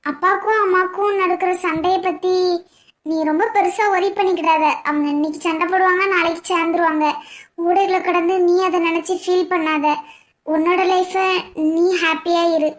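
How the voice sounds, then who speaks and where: A woman voicing a caring young college friend in a cartoon, loud and insistent as she pushes her friend to talk. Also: very high voice. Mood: comforting.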